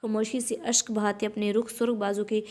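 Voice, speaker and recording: A woman narrating a romance novel aloud in a monotone, with frequent stumbles and restarts. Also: mid-range voice, brisk.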